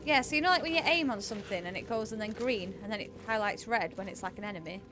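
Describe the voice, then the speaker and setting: A woman's voice: mid-range voice, quick pace. A woman streaming a game live, chatting and thanking viewers, shrieking when scared. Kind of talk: live gameplay chat.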